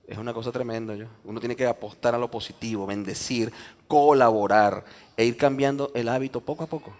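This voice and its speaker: Playful pastor preaching a sermon. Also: male voice, medium pitch. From Venezuela. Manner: playful, teasing the congregation, joking asides. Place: church sanctuary with congregation.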